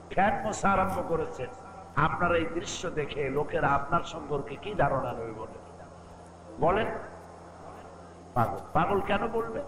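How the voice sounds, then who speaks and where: A man preaching a waz sermon, putting questions to the crowd and chanting Quranic verses in a drawn-out melody. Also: high-pitched, echoey room, low-quality recording. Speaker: Islamic preacher.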